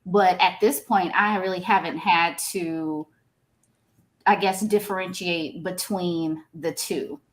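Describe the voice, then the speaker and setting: A woman panelist answering a question, measured and thoughtful, with frequent fillers as she thinks aloud. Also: lowish voice, fairly even intonation.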